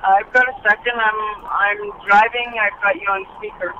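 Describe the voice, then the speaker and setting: A woman's voice: medium pitch, steady tone, moderate pace, a little hiss or hum. A woman chatting on speakerphone from her car, giving dry, matter-of-fact answers over a phone line. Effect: on speakerphone in a moving car. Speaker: host's mother on a call. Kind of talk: casual phone chat.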